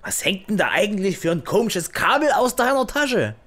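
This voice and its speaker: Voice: medium pitch, big pitch swings, normal speed, fairly bright tone. An actor voicing a jolly, scatterbrained friend who mishears things in a children's audio play. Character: giggly scatterbrained friend of the inspector.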